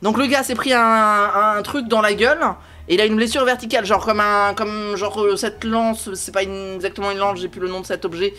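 A man's voice: high voice, steady tone, a little fast, pushed and bright. This is a man streaming a mystery game at his home computer, thinking aloud as he plays. He rambles and hesitates, fills gaps with fillers, restarts his sentences, and drifts off into jokey asides. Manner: jokey, self-talking, easily sidetracked. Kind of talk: live-stream gameplay commentary.

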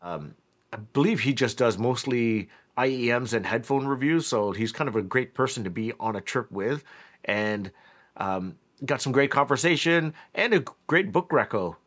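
A man's voice: medium pitch, moderate pace. Canadian guy telling his trip story for his vlog, laid back and chatty. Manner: relaxed, chatty, frequent fillers. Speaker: vlogger, headphone reviewer. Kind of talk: casual vlog narration.

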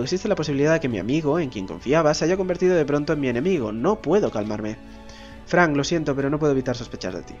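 A man's voice: on the high side, a little mellow, muffled recording. A man reads game dialogue aloud in a gameplay video. Between the lines he makes casual asides and swears mildly when frustrated. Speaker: gameplay commentator.

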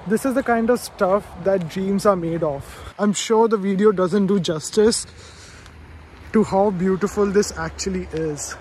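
A man's voice: high-pitched, measured pace, a little mellow, a little hiss or hum. A man in his twenties vlogging his travels, talking straight to his viewers with eager enthusiasm. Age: 20s. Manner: enthusiastic, talks directly to viewers. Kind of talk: casual travel vlog to camera. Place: outdoors and in a rented cottage while travelling.

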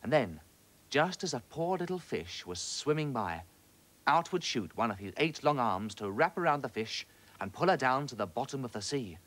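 A man with a medium-pitched voice reads a children's story aloud at a moderate pace, expressive and animated.

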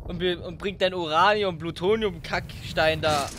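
A man commenting on his own gameplay with loud, crude outbursts and jokes. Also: high voice, moderate pace, background noise. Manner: loud, swearing, explosive outbursts. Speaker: let's play gamer. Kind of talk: let's play commentary.

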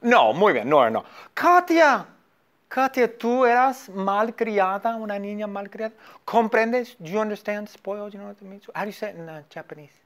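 A man teaching a beginner language class through a story, animated and prompting students to repeat after him. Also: high-pitched, moderate pace. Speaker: Spanish teacher.

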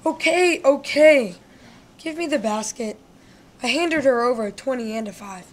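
Here a woman's high, expressive voice at normal speed carries the part of the big bad wolf, a male character in a comic radio play. He's an aggrieved, smooth-talking hustler who tells his version of events, full of indignant self-pity.

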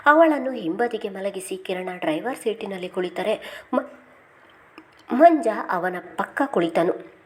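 A woman's voice: mid-range voice, expressive, measured pace, long pauses, darkish tone. A woman reading a family novel aloud as a storyteller, voicing every character's lines herself. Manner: reads every character's lines herself, lifting her voice on anxious questions. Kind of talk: scripted narration of a family novel.

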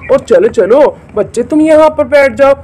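A woman's voice: high voice, expressive, moderate pace, dark tone, slight background noise. A woman narrating a toy doll play for children, exclaiming, repeating herself and speaking straight to the kids. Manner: exclaiming, repeats "look, look" and "very good"; addresses children directly. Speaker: storyteller for a toy channel.

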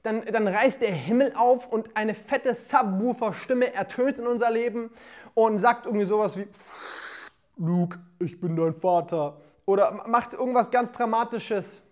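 A woman in her thirties delivers a livestreamed sermon, speaking straight to her viewers. She sounds energetic and direct, often calling out to them, and sometimes sinks into soft, quiet passages. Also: a little high, normal speed. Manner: energetic, addressing listeners directly with "hey" and "come on". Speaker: preacher.

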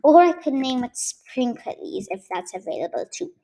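A woman's voice: high-pitched, very animated, normal speed, mellow, poor audio. A woman chatting casually while playing a game, rambling with many fillers and teasing her viewers. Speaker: gaming YouTuber. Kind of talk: casual gameplay commentary.

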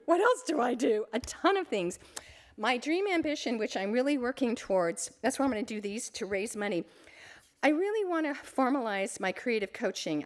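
An older woman photographer giving an informal library talk, chatty, rambling and openly emotional at times. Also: mid-range voice.

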